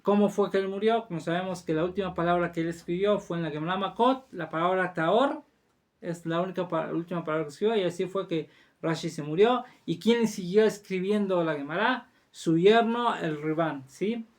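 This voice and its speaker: A man, a rabbi, telling a religious story as a lesson, halting often with restarts and fillers. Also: sits high.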